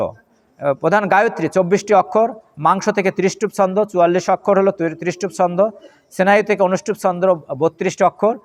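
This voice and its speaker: This man speaks in a high register while delivering a devotional talk on scripture. Slowly chanting mantras, he breaks down their pronunciation and asks his audience questions as a religious lecturer would.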